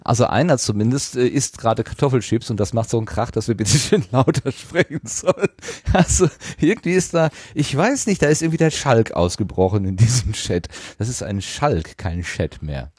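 A man's voice: medium pitch, moderate pace, a little mellow, breathy edge, no echo, studio quality. A man hosting a casual podcast chat, talkative, with many fillers and easy laughs. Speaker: podcast host.

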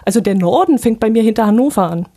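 A woman's voice: fairly high pitch, animated, quick pace, warm tone, breathy edge. A woman from the Allgäu chatting casually in neutral standard German, hesitant and thinking aloud. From Allgäu, Bavaria. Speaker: conversation partner. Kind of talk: casual chat.

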